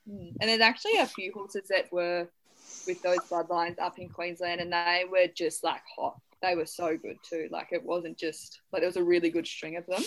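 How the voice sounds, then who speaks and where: A woman's voice: fairly low pitch, fairly even intonation, moderate pace, a bit bright, a little hiss or hum, rough recording. A woman, an easygoing guest talking about horses she has ridden, who laughs often. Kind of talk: casual chat.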